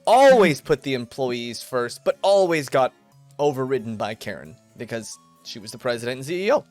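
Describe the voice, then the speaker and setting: Male game master, lively swooping intonation, halting casual narration, tabletop game, dry close sound, faint music. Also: medium pitch, no echo.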